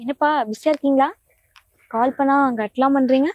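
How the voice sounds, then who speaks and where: Actress as a high-voiced young girlfriend, soft and pleading, web series drama over music. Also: steady tone, fairly quick, highs cut off, lightly acted. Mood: teasing. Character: tender young woman Maha, orphaned and longing. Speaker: young woman in love, college student. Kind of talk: romantic web series acting.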